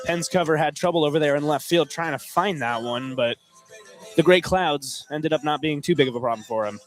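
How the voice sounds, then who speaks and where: A young man doing play-by-play for a college baseball radio broadcast from a ballpark booth, excitable, with his voice climbing on big plays. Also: on the high side, fairly quick, soft background music. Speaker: play-by-play announcer.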